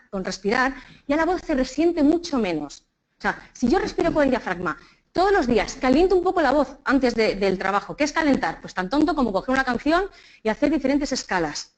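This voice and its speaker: A woman's voice: high voice, rough recording. A woman with a Spanish accent from Spain, giving a live public speaking talk and leading the audience through exercises, checking in with them often. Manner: lively, keeps checking in with the audience. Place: conference room with an audience.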